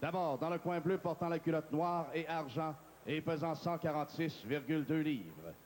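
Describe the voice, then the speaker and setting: Booming bilingual boxing ring announcer man. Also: animated, a little mellow. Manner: booming, drawn-out announcer delivery. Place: indoor boxing arena.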